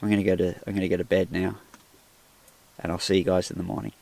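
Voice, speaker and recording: Deep and dark, with vocal fry, this man's voice keeps a level tone at a quick pace. As an outdoor vlogger, he chats casually to the camera inside a small tent with a wood stove. His solo commentary rambles through self-deprecating asides.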